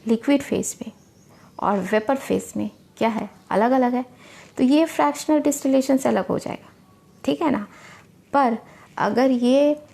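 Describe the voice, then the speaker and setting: A woman tutor giving a recorded chemistry lecture, explaining step by step, often checking that students follow, and reading definitions slowly. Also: on the high side, gravelly, warm tone. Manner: reads English definitions slowly and deliberately.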